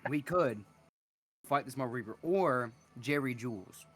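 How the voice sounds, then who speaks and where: A man's voice: medium pitch, expressive, moderate pace, fairly bright tone. A man playing in a casual online tabletop game, playful and teasing. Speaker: player.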